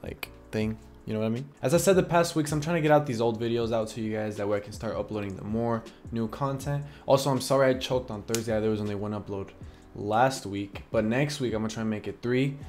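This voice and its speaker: A young gaming YouTuber with a fairly low voice talks fast into his headset, chatting casually about his gameplay in what serves as a vlog intro. He gets excitable, hyping up the fights and shouting during them, while soft music plays in the background.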